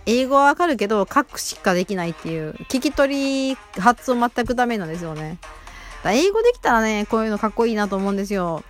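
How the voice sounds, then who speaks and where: A woman's voice: a little high, big pitch swings, quick pace, soft background music. A woman hosting her own casual solo talk show on a radio app, chatting in a rambling, self-deprecating way with many fillers. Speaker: amateur radio-app host.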